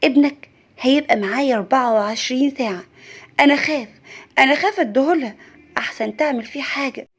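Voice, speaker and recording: A woman's voice: high voice, quick pace, breathy edge. Woman playing a scolding Egyptian mother-in-law. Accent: Egyptian Arabic. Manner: harsh, nagging.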